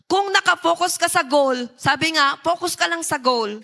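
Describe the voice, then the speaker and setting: A woman's voice: very high voice, normal speed, vocal fry, bright, forceful tone. A woman preaching a sermon to young people, often putting questions to her listeners. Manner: engaging, asks the audience questions. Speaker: youth preacher.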